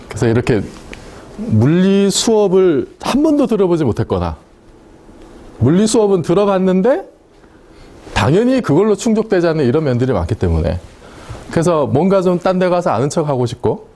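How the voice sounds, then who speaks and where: A man's voice: medium pitch, mellow. A man giving a university lecture in a casual, chatty way, often asking the class questions and laughing at his own points. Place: lecture room.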